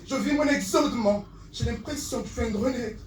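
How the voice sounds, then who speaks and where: Male slam poet, higher voice, rhythmic half-sung delivery, live stage, roomy and far off. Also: normal speed, soft background music. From Comoros. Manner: rhythmic declaiming, half-sung refrains, rising to shouts. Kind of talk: slam poetry performance on stage. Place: small Paris theatre with live audience. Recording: roomy, distant, noisy live room.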